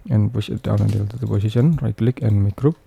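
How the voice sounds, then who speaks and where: A man with a lowish, very soft-edged and dark voice walks through a software tutorial one step at a time. His delivery is halting and repetitive, with frequent hesitations and a gravelly creak. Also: fairly even intonation. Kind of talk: unscripted step-by-step screen tutorial narration.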